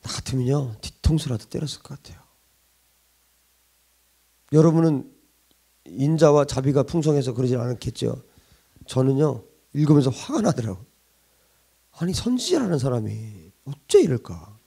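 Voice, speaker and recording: A male pastor preaching a sermon with emphasis, firing rhetorical questions and swinging between loud urgency and hushed intimacy. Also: mid-range voice, animated, moderate pace, creaky, pauses often, slightly rough.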